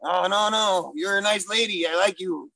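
A man voicing a gruff, silly male gorilla who wants to be a stand-up comic, talking in broken English with loud bursts. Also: high voice, normal speed, dry recording, heavily acted, rough recording. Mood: boastful. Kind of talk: improvised comedy character interview.

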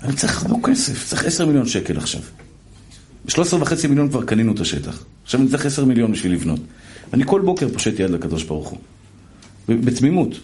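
Animated man preaching a sermon. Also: medium pitch, a little hiss or hum. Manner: animated storytelling with voiced quotes and repetition. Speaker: rabbi.

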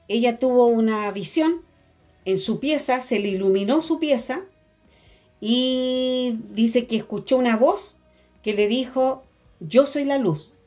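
A woman's voice: a little high, darkish tone. Woman telling a testimony. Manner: storytelling, hesitant with fillers. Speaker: radio co-host.

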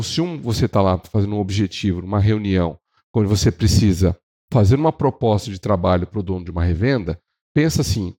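A Brazilian man co-hosting a podcast, giving casual sales advice in an animated way, shifting his pace and acting out what clients say. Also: lowish voice. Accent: Brazilian Portuguese. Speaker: podcast co-host.

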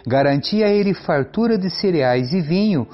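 A man's voice: sits high, lively intonation, moderate pace, muffled recording, pitched above the performer's own voice. A man reading as an old blind father, solemn. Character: aged blind father blessing his son.

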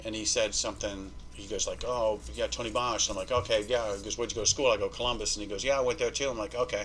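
Speaking quickly in a fairly low voice, a man tells a story as a podcast guest over a rough recording with some hiss or hum. He's animated and profane, slipping into character for every quote.

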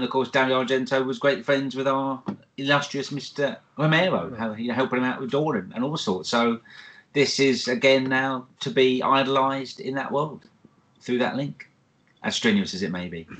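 A man chats casually on a podcast as co-host. His voice sits at an everyday middle pitch. He makes his points with a talkative, digressing manner. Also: moderate pace, fairly bright tone. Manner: chatty, "bear with me" aside-giver. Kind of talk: casual chat.

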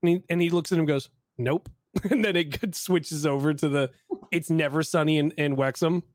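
Lively, laughing podcast host, dry sound. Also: male voice, a little high, a little fast, dry recording. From Texas. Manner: animated, laughing storyteller who acts out quotes. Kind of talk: casual chat.

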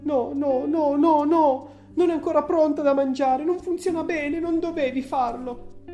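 An eccentric candy maker frets and sighs in a high, oddly pitched voice, as a woman reader puts him on. He fusses apologetically in a storybook reading. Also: very animated, fairly quick, dark tone, faint music behind. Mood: fretful. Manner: sighing, apologetic, fussing.

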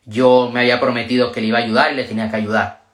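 A man's voice: medium pitch, little pitch movement, racing, fairly bright tone. Male livestreamer, mid-range voice, emotional storytelling, echoey room. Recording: roomy echo.

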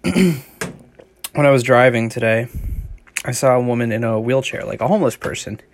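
A man's voice: medium pitch, moderate pace, slight background noise. A man hosting his own podcast, talking in a loose, rambling monologue full of "like" and out of breath. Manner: rambling, heavy use of filler "like". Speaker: podcast host.

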